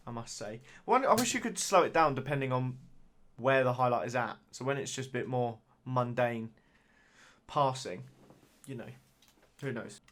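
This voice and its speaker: A man's voice: medium pitch, fairly bright tone. Man musing over a football sim. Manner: musing, hesitant, with frequent fillers and restarts. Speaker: gaming YouTuber. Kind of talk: casual gameplay commentary.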